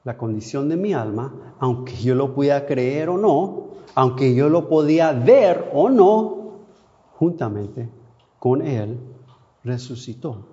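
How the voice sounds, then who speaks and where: A man preaching a sermon, emotional, swinging between soft, quiet passages and sudden louder cries, with long pauses. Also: mid-range voice, lively intonation. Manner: non-native Spanish, asks how to say a word. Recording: dull lo-fi sound.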